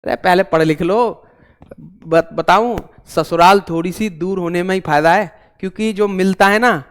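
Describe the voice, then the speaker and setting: A man's voice: sits high, moderate pace. A man teaching an online exam-prep class, chatty and repetitive, with joking asides to his viewers.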